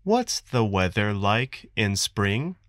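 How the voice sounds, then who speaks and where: Man, american accent, slow clear reading, expressive pitch, dry close recording. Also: dry recording. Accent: General American. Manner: clear, deliberate enunciation for learners. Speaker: textbook dialogue reader. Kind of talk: slow scripted textbook reading.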